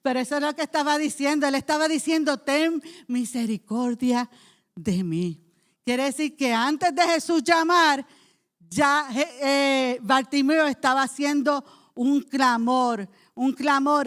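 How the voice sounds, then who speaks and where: A woman pastor preaching a sermon in church, impassioned, moving from soft speech to loud cries. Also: high voice, steady tone, moderate pace.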